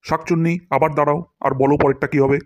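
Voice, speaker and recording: A man playing a self-important cartoon teacher who scolds his pupils and hams up every word he demonstrates. His voice sits a little high for a man, recorded close and dry with no room sound. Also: flat delivery, fast, no room sound, muffled recording, lightly acted. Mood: scolding. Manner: pompous, scolding, theatrical demonstrations of words. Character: boastful, scolding male English teacher. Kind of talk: cartoon voice acting.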